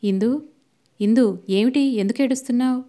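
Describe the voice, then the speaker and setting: A caring elder sister, concerned and gently scolding, voiced by a woman reading an audiobook. The voice rises a little higher than the narration and stays mellow. It is a storybook reading rather than full acting. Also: normal speed, natural voice.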